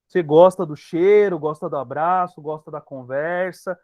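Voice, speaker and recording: A man's voice: fairly high pitch, moderate pace, darkish tone, no room sound. A man with a Brazilian Portuguese accent, a hypnotherapist giving an emphatic teaching talk to an online group, speaking straight to his listeners and repeating his key points.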